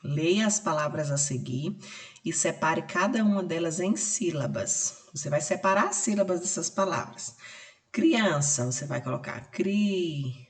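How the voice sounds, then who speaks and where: A woman with a Brazilian accent teaching a recorded class, explaining each step slowly and patiently. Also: low-pitched, animated, far from the mic. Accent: Brazilian Portuguese. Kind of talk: recorded remote class lesson. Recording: roomy echo, off-mic.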